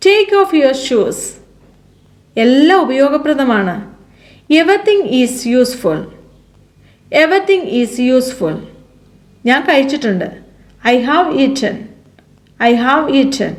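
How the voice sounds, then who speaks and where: Slow, high-voiced Malayali woman teacher. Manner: reads each phrase once in Malayalam, then repeats the English twice, slowly. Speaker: English teacher. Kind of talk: slow drilled sentence reading.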